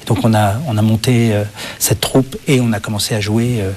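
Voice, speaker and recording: A man from France, a guest author in a television interview, who speaks haltingly with many restarts and fillers. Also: fairly low pitch, fairly even intonation, darkish tone, a little hiss or hum.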